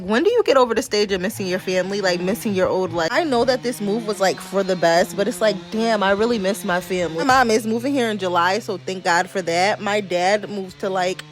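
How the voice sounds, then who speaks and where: A young American woman talks in a casual, confiding vlog voiceover. Her voice sits at a middle pitch, with slangy, informal phrasing. Music plays softly behind her. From New Jersey and New York, USA. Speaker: vlogger. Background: background music.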